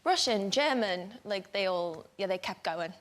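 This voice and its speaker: A woman's voice: mid-range voice, lively intonation, measured pace. A woman guest, chatting in a bubbly way. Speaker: guest actress.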